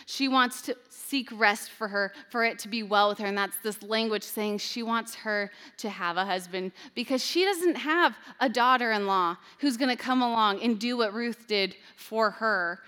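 Bright-voiced woman teaching in a reverberant hall. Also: a little high, moderate pace, hardly any pauses. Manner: casual and chatty, with playful modern asides. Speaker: speaker at a Bible talk. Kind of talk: conversational Bible teaching.

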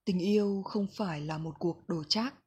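A woman reading a reflective book passage aloud in a slow, gentle, measured way. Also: on the low side, husky. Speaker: book reader.

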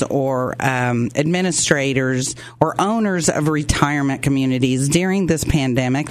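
A man's voice: fairly high pitch, no echo. A man with an Oklahoma accent hosting a chatty, promotional radio show in a folksy, informal way with playful slang. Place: small studio in an office.

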